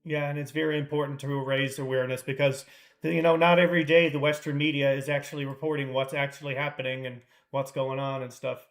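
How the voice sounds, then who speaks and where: A man hosting a livestream in a relaxed, joking way, laughing often. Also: mid-range voice, fast talker. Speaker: livestream host. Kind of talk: casual livestream chat.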